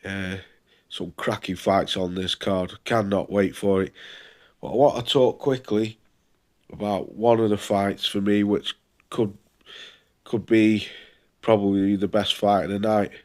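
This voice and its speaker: A man with a fairly low voice and a stuffy nasal tone, as if his nose were pinched. He talks casually as a boxing vlogger, informal and a little halting as he thinks aloud. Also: little pitch movement, a little mellow. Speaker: boxing channel host. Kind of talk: casual fight preview vlog.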